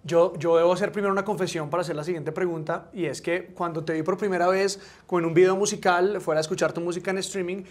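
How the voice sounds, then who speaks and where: A man's voice: high voice, steady tone, fast, hardly any pauses. A man, a radio host who interviews a guest with long, rambling questions full of asides.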